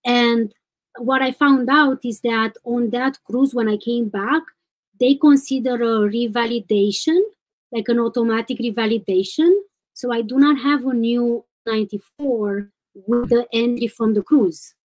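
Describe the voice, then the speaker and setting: A woman's voice: a little high, steady tone, a little slow, a little mellow, poor audio. A woman in her thirties from Romania, calling in over video and hesitantly laying out her situation in detail. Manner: hesitant, detailed step-by-step account. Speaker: caller. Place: home room. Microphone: webcam on a video call.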